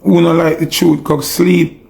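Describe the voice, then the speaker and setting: A man's voice: fairly high pitch, level tone, measured pace, creaky, darkish tone. A Jamaican man delivering a preachy, emphatic rant to camera, firing off repeated rhetorical questions. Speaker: online commentator. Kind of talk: ranting monologue.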